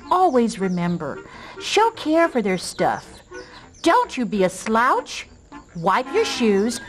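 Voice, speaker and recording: A woman's voice: sits high, exaggerated voice. A woman doing a prim, genteel manners lady. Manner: genteel, sing-song, speaks advice in rhymes, calls others dearie. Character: prim, sweet older-fashioned lady manners expert. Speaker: manners advisor host. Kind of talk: children's show character acting.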